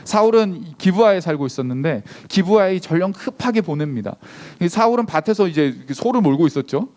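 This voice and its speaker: A man preaching a sermon to high school students as their pastor, asking them questions and acting out the voices of the people in his story. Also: brisk. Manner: animated, acts out quoted voices, asks the audience questions. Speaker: youth pastor.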